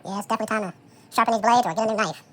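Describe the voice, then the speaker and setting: A home cook talking through a how-to while preparing food, relaxed and thinking aloud with frequent fillers, played back as a sped-up chipmunk voice. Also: noisy background. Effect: sped-up chipmunk voice, high and fast. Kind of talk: casual how-to commentary while working.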